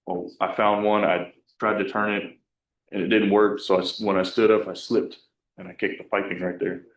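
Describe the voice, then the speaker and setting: A man answering as a defendant in court, hesitant and soft-spoken, with many restarts. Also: lowish voice, level tone, normal speed, slight background noise. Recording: echoey courtroom, voice far from the mic.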